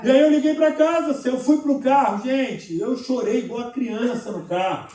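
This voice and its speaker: High-voiced Brazilian pastor in an echoing church. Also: male voice, moderate pace. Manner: lively storytelling with humorous asides. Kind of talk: sermon with personal testimony. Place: church sanctuary. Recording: very echoey church, voice from far off.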